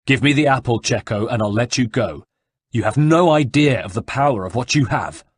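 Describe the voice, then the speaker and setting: A man's voice: mid-range voice, normal speed, breathy edge, no echo, studio quality, natural voice. A man voicing a determined young male assassin who speaks in firm, commanding demands. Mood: stern.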